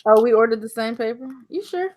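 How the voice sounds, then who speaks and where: A woman's voice: fairly high pitch, expressive, fast talker, darkish tone. A woman shop owner chatting casually on a live stream, gushing and full of filler likes.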